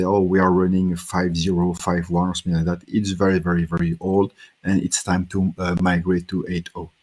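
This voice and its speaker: A man with a fairly low, somewhat dark voice gives a technical conference talk. He is Belgian, a native French speaker with a French-speaking Belgian accent, and his delivery is full of fillers and restarts.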